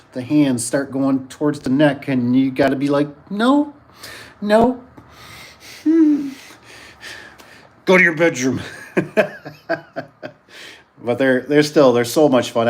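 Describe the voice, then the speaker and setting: A man chatting casually as host of a live stream, rambling and repeating himself while reacting to viewers. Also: medium pitch.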